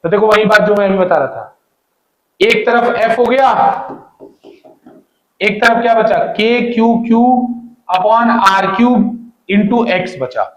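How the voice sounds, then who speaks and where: A man's voice: high-pitched, slow, pauses often. A man teaching physics in a classroom-style lecture, repeating key points and asking students questions as he goes. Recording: echoey room.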